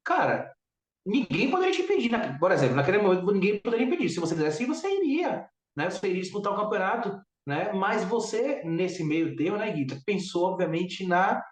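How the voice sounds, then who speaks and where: A man with a Brazilian Portuguese accent hosting a podcast interview, talkative and animated with many fillers. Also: sits high, roomy sound, recorded from a distance. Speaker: podcast host.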